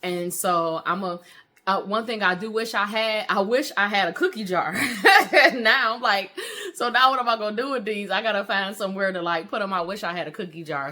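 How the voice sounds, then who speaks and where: A woman's voice: mid-range voice, bright, forceful tone. A woman chatting casually in a home baking vlog, with lots of fillers, calling her viewers honey and y'all. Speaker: vlogger. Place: home kitchen.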